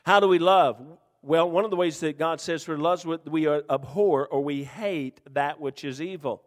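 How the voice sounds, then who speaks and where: A man preaching a sermon to his church in a folksy, joking way, swinging from loud shouts to hushed, quiet lines. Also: on the high side, normal speed, big-room sound. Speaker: pastor.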